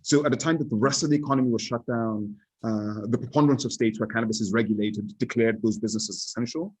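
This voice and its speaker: A man speaking as an industry analyst in a casual podcast discussion, deliberate and often restarting his sentences. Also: medium pitch, a little mellow, breathy edge, rough recording.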